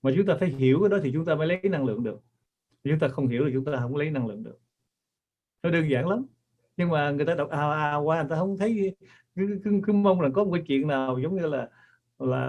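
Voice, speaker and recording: A man with a slightly high voice and a darkish tone addresses an audience as an author and teacher. He speaks earnestly and repeats himself for emphasis.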